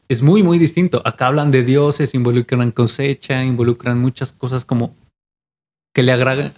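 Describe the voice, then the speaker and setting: A young podcast co-host with a Mexican accent recalls an old legend as he goes, circling back over his words and restarting phrases. His voice has an ordinary middle pitch and a darkish tone.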